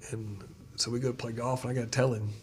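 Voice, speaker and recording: A man who is a pastor, telling stories in a casual chat and getting animated when he retells dialogue. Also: medium pitch, fast. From United States. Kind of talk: casual conversation, storytelling.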